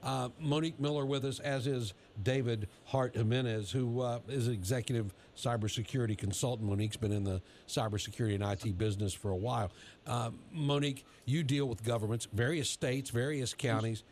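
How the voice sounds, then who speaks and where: A man hosting a radio panel discussion, asking questions in a measured, deliberate way. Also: mid-range voice, fairly even intonation, a little mellow, a little hiss or hum. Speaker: talk show host.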